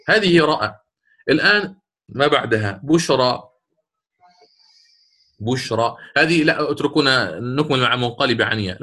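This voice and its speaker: Bright-voiced man giving a recitation lesson. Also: mid-range voice. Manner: explains step by step, repeats key words, quizzes students. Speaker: sheikh teaching Quran recitation. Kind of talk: classroom lecture on recitation rules.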